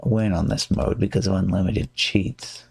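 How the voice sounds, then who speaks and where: A man with a low, gravelly voice chats casually through a live stream of a card game. He mutters and hums under his breath between moves and greets viewers as they drop in. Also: normal speed. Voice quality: gravelly, relaxed, hums and mutters while playing.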